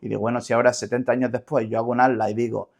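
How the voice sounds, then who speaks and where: Fast, creaky-voiced Andalusian man explaining. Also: mid-range voice, flat delivery. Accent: Andalusian Spanish. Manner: didactic, halting with repeated words. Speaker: linguist guest. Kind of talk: explanatory interview talk.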